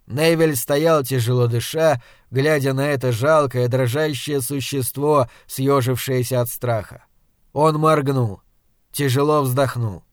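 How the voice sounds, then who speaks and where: A man narrating an audiobook in a measured, dramatic storytelling manner. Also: mid-range voice, fairly even intonation, dry recording, clean studio sound. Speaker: audiobook reader. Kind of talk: scripted narration.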